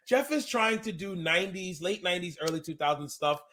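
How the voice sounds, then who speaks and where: This thirty-something man is both an active pro wrestler and a co-host of a wrestling podcast. His high, sharp voice has lively intonation at a normal speed, and he chats and comments casually in slangy insider language.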